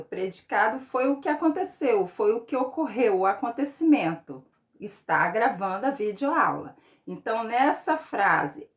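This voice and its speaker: A woman teacher, patiently explaining a recorded video lesson to schoolchildren and often checking if they follow. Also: mid-range voice. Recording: roomy echo.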